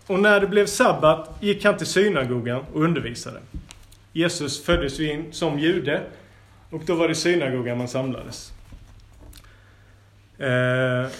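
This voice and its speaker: A man teaching a Bible school lesson, reading scripture aloud and adding lively, playful asides. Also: fairly high pitch.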